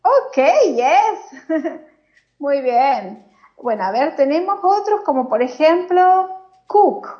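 A woman's voice: high voice, very animated, slow, long pauses, dull audio. A woman with an Argentine accent, teaching English in a casual podcast lesson and explaining patiently with frequent laughter.

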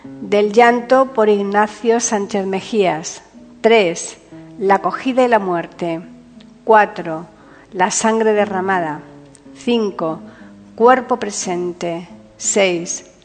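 A woman hosting a podcast, reading scripted narration in a measured, formal announcing manner. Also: mid-range voice. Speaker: podcast host. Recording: long reverb, music bed.

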